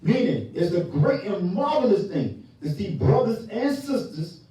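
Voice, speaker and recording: Emphatic preacher in an echoing hall. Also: male voice, high voice, sing-song, unhurried, dark tone. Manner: emphatic, questioning the class, repeats words. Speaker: teacher leading Bible class. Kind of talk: call-and-response Bible teaching. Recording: echoey room from far off.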